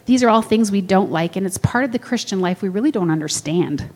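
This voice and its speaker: A woman's voice: expressive, brisk, darkish tone. A woman preaching a sermon in a conversational way, asking the room questions and acting out quoted voices. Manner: acts out quoted voices with big pitch jumps. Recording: long hall reverb.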